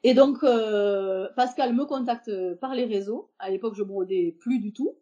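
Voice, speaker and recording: Invitée de podcast, une femme, timbre chaud et feutré, parole hésitante avec nombreux « euh ». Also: female voice, a little high, normal speed, mellow, dull audio. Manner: hesitant, many fillers and restarts. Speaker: podcast guest, embroiderer. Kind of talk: casual interview talk.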